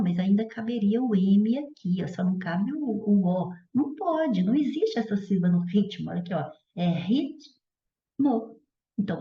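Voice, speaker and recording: Mellow-voiced woman teaching in an echoey room. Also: mid-range voice. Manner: explains step by step, often checks in with the listener. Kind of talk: recorded grammar lesson. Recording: echoey room, slightly dull sound.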